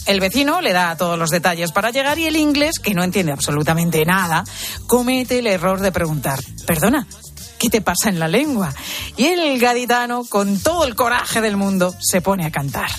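A woman presenting a radio news feature in a lively, conversational way. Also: medium pitch, moderate pace, soft background music.

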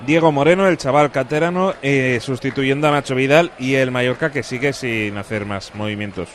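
Pitchside radio reporter man. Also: a little fast, slight background noise. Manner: matter-of-fact, listing substitutions.

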